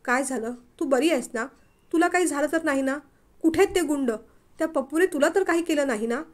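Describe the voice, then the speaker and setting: A woman's voice: high-pitched, fairly quick, natural voice. A woman voicing an anxious, protective young man in love in a read-aloud story, urgent and pleading. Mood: alarmed.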